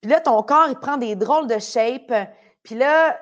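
A woman's voice: sits high, a little slow, lo-fi sound. A woman with a Québécois French accent, pregnant and speaking candidly in a casual podcast chat. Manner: candid, animated storytelling. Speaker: radio host.

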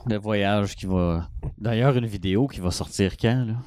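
A young man with a Québécois accent tells stories on a casual podcast. His voice is low and dry-sounding. He jokes around loosely and doesn't shy away from crude humor. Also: normal speed, darkish tone, no echo. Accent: Québécois French. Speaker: podcast co-host. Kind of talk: casual chat.

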